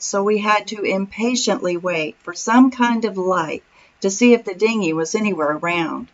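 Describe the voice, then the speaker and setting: A woman's voice: medium pitch, dull audio. A woman reading a scripted voice-over narration for a vlog, in a storytelling manner.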